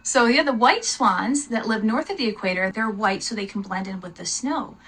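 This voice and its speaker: Speaking straight to her young viewers, a woman leads a live homeschool lesson, teaching instructively and spelling out words. She has a medium-pitched, somewhat bright, husky voice at a moderate pace, on a rough recording.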